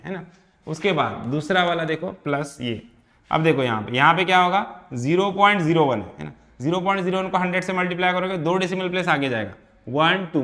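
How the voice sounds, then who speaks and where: Male tutor, bright slightly raised voice, walks through a problem patiently with constant check-ins. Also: fairly high pitch. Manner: repeats and checks in with "है ना" and "ठीक है". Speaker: physics teacher. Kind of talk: step-by-step problem solving lesson.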